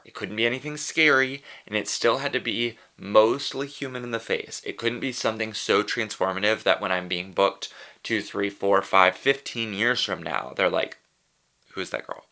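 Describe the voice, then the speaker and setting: A man's voice: lowish voice, pushed and bright. A man with a sassy drag queen manner, narrating a chatty vlog with playful, emphatic asides.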